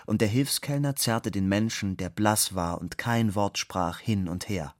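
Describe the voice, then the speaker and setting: A man narrating a novel in a measured, calm reading. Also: lowish voice, no room sound, studio quality. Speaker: audiobook narrator.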